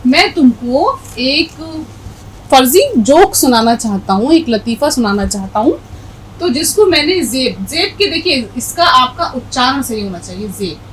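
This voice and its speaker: A woman's voice: high voice, expressive, slight background noise, low-quality recording. A middle-aged woman teaching an Urdu lesson, patiently spelling out letters and repeating words as she explains a poem.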